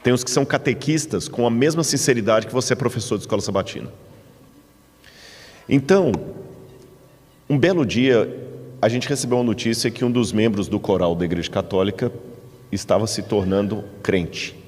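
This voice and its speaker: A man with a Brazilian Portuguese accent, a preacher telling his testimony from the pulpit as a lively storyteller. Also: on the low side, moderate pace, long pauses, in a large hall. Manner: lively storyteller, acts out dialogue in raised voices. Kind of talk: sermon testimony. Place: church in the United States.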